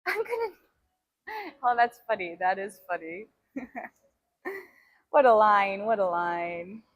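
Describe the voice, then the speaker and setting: Taking it slowly, a woman with a mid-range, sing-song voice chats casually on a fitness live stream from the gym. She's a native Albanian speaker who laughs often and reads viewer comments aloud between sets.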